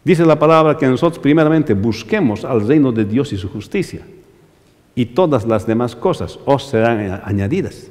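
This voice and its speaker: A male pastor preaching a sermon emphatically, rising on repeated phrases and dropping low at the ends of lines, speaking directly to his brothers in the congregation. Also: expressive, normal speed, darkish tone, long reverb tail.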